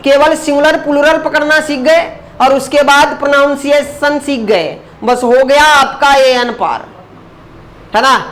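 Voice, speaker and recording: A man teaching a grammar lesson, who explains slowly, sounds words out syllable by syllable, and keeps asking his students questions that he answers himself. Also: extremely high pitch, a bit bright, a little hiss or hum.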